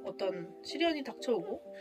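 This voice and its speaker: A woman calmly explaining a Bible passage and sharing her experience at a home worship. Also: medium pitch, normal speed. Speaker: family worship participant. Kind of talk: Bible reading and discussion. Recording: music playing underneath.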